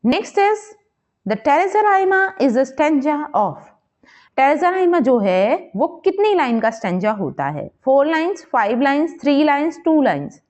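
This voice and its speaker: A woman teacher, running an exam quiz lesson, reading options slowly and explaining them in quick Hindi. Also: high voice, sing-song, a little mellow. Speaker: English literature teacher. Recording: dull lo-fi recording.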